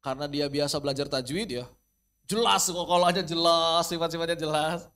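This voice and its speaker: A man's voice: fairly high pitch, steady tone, brisk, a bit bright. A man teaching an online tajwid lesson, explaining Arabic sounds and demonstrating them by repeating words. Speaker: Quran recitation teacher.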